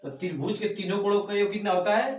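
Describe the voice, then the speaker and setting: Male math teacher, a fairly high voice, in an echoey classroom. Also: fast talker, far from the mic, crowd noise. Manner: checks in with students after every step. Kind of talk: classroom lesson.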